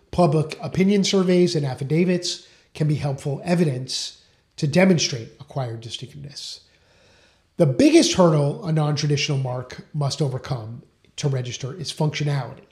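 A middle-aged man with a slightly higher than usual voice gives a scripted lesson on trademark law. He speaks in a measured, explanatory way and carefully reads out long registration numbers. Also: a little mellow. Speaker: trademark attorney presenting a lesson. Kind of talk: scripted educational talk.

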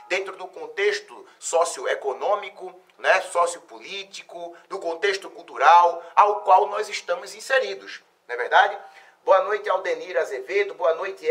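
A man's voice: high voice, far from the mic. Effusive man teaching live. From Salvador, Bahia, Brazil. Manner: chatty, effusive, lively exclamations. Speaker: geography teacher hosting an exam-prep live stream. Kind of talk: live-stream lesson, greeting chat viewers. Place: plain bright indoor studio.

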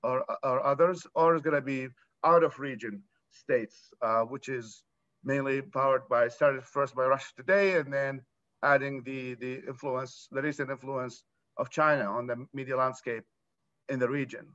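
A man in his thirties from Iraq speaking as a panelist on a video call, earnest and halting with restarts. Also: medium pitch, steady tone, fairly bright tone. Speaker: panelist, nonprofit founder. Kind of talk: conference panel talk. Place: room at home. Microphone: laptop webcam on video call. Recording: dull lo-fi video call audio.

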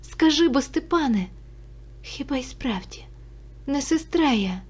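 A woman's voice: lively intonation, a little slow, darkish tone. A woman voicing a young village girl, anxious and impulsive, pleading and questioning in a raised voice. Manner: high, pleading, breathless questions.

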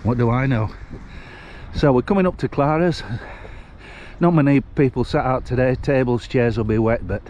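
Walking outdoors along a seafront street with a handheld camera, a Northern English vlogger in his sixties chats casually in a rambling, folksy style. He has a mid-range, darkish voice at a moderate pace, with slight background noise.

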